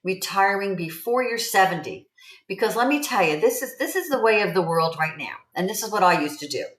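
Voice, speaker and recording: This livestream host, a woman in her 70s, speaks in an animated, medium-pitched voice at a fairly quick pace. She talks casually and ramblingly to viewers about earning online, repeating key phrases, with roomy, echoey sound.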